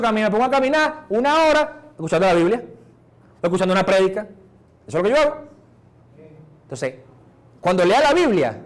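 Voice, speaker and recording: Middle-aged Venezuelan male pastor, sermon, talkative, bright high register, very expressive. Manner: conversational, acts out prayers in a softer voice. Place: church.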